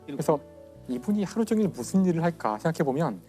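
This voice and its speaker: A man's voice: a little high, big pitch swings, warm tone, faint music behind. Enthusiastic man telling a story on a talk show. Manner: enthusiastic, slows down for dramatic emphasis. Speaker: physics professor guest speaker.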